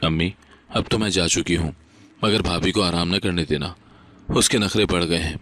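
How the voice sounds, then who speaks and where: A man's voice: low voice, fairly bright tone. A man reading the lines of a spiteful, mocking young sister-in-law in a storybook narration. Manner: mocking, gossiping.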